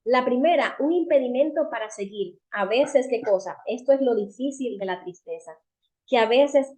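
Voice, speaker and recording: A woman's voice: a little high, animated, moderate pace, warm tone. Earnest woman teaching a faith seminar. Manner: earnest, asks the audience rhetorical questions; addresses listeners directly as friends and sisters. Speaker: women's seminar speaker.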